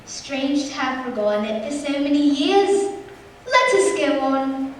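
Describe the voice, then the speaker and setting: A woman playing a gentle, solemn, childlike ghost in a radio play, speaking in a measured, formal way. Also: high-pitched, expressive. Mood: gentle, grave. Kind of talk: theatrical radio play acting. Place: theatre stage. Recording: echoey theatre hall, distant mic, faint noise.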